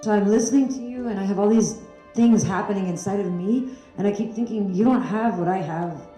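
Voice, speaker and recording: A woman's voice: medium pitch, brisk, mellow, faint music behind. A woman speaking in an interview in an intense, blunt way, swearing freely. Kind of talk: emotional interview. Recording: roomy echo.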